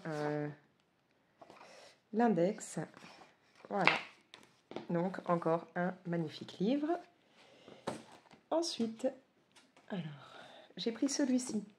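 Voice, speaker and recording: A French woman in her forties reviews coloring books, flipping through them while chatting casually and gushing, with many hesitations. Her voice is lowish and a little mellow, with slight background noise.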